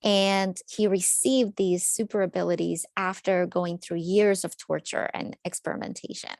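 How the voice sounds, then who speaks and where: A woman's voice: on the low side, fairly even intonation, moderate pace, vocal fry, darkish tone, dry recording. A woman in her thirties, from Ukraine, giving a webinar talk as a psychologist, telling her story earnestly with light jokes. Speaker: psychologist presenter.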